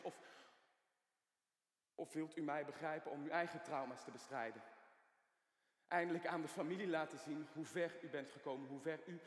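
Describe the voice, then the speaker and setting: A young actor playing a detained male idealist, bitter and scornful, breaking into shouting. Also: on the high side, natural voice. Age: young adult. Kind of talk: stage play acting. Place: theater stage. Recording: echoey theater hall.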